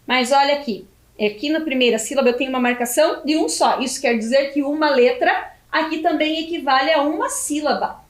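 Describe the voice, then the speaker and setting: A Brazilian Portuguese woman teaching a video lesson for young children, slowly stretching syllables as she spells words out. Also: high-pitched, reverberant. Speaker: primary school teacher.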